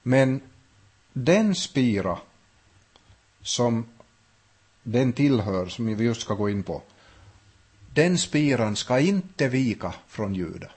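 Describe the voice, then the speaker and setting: A man's voice: mid-range voice, sing-song, long pauses, a little mellow, husky. A man teaching a Bible study, thinking aloud with frequent restarts and hesitations. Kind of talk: unscripted Bible study talk.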